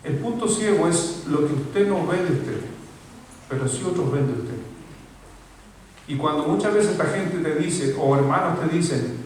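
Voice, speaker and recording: A man's voice: on the high side, animated, measured pace, slight background noise. A man preaching a sermon as a pastor, talking conversationally and putting questions to his congregation. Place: church hall. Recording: echoey church hall from far off.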